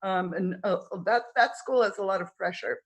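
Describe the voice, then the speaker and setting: Halting middle-aged woman, dry throat. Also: mid-range voice. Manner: halting, many fillers and restarts, occasional coughs. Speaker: guest conductor. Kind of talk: casual interview over video call.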